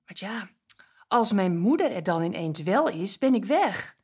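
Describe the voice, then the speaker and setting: A woman's voice: mid-range voice, very animated, measured pace, a little mellow, breathy edge, heavily acted. A woman voicing a hopeful, restless young schoolboy who muses aloud in a chatty way. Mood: musing.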